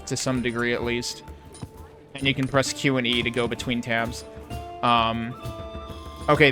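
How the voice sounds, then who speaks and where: A man's voice: medium pitch, fairly bright tone. A man giving casual gameplay commentary, thinking aloud in a critical, analytical way. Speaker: video game player and commentator. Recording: game music behind the voice.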